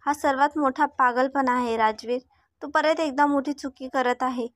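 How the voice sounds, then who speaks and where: Brief: woman doing lecturing father, high, dry. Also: steady tone, moderate pace, a bit bright, no echo. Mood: warning. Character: older father, warning and disapproving.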